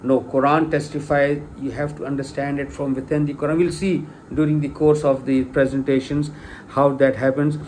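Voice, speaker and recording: A middle-aged man, native in Urdu and a lay religious lecturer, talks at a moderate pace in a mid-range, darkish voice with little pitch movement. His informal lecture is halting, with many fillers and restarts, until he stresses key points emphatically. There's a faint hiss or hum.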